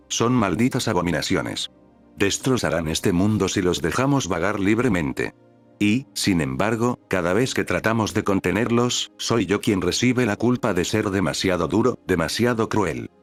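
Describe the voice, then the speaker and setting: A man's voice: deep voice, lively intonation, normal speed, faint music behind. A man voicing a bitter, cynical male shadow being who speaks with scorn and swears.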